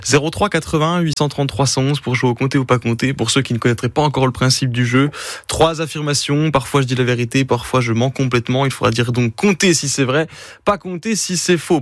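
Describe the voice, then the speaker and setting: A man's voice: mid-range voice, dry recording. A man hosting a local radio show, presenting a call-in game in an upbeat, promotional patter. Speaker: radio host.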